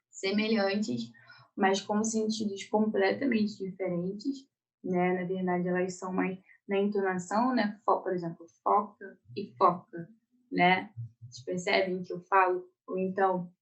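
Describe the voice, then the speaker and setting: A woman's voice: mid-range voice, poor audio. A woman with a Brazilian Portuguese accent teaching an online exam-prep Portuguese lesson, explaining step by step and checking in often with her students.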